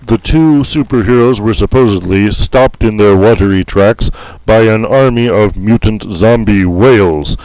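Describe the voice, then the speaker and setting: A man acting as anchor of a parody newscast, with a deadpan delivery. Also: fairly low pitch, measured pace, no echo, poor audio. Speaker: mock news anchor.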